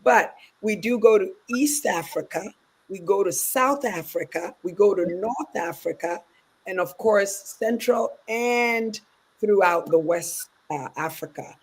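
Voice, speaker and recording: A woman's voice: mid-range voice, a little slow, husky. A woman from Ghana, a guest founder chatting in a live-streamed interview, telling stories with many "you know" asides. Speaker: guest, fitness business founder. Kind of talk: casual interview chat. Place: live stream video call.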